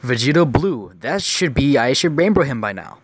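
With slight background noise and game music behind him, a 19-year-old gaming video maker casually narrates his mobile game summons live. He speaks at normal speed in a mid-range voice, excitable and stuttery, close-miked on a phone held near his mouth.

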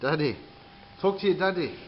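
A man's voice: on the high side, animated, fairly quick, dull audio, noisy background. A man filming his family on a home video and chuckling often as he talks, heard through old camcorder audio. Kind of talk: casual home-video chatter. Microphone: built-in camcorder mic.

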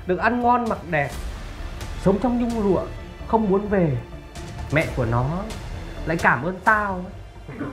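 A man playing a cruel male kidnapper and bully who sneers and shouts threats. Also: high-pitched, lively intonation, measured pace, pauses often, music in the background. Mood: menacing. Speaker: kidnapper villain, then rude customer. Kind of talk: web drama acting.

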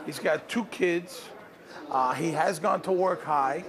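A man doing a comedy bit, making cocky deadpan judgments about strangers and quizzing them on the street. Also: fairly high pitch, slow pace, crowd noise. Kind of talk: comic street interviews.

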